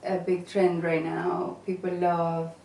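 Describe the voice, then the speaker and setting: A graphic designer who grew up in England and Venezuela talks about her work as an interview guest, slowly and hesitantly, with many fillers and restarts. Her voice is fairly low, gravelly, and warm, with a completely flat delivery. The casual answers are captured on a distant mic in an echoey room with faint noise.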